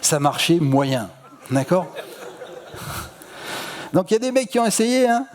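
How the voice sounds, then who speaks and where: Chatty lecturer with a Marseille accent. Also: male voice, high voice, sing-song, measured pace. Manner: chatty, slangy, many hesitations. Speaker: public lecturer. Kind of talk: casual popular-science talk. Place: lecture hall at an astronomy festival. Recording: reverberant lecture hall.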